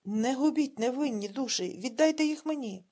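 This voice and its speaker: A woman voicing a grieving older man who pleads with his brother, in her husky audiobook voice. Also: sits high, moderate pace, a little mellow. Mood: pleading. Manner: pleading, sorrowful.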